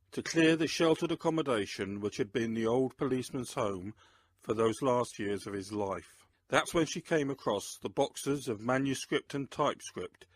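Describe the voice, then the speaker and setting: An author and host reflects on his own books, his medium-pitched voice gravelly and husky. He speaks in a measured, deliberate way.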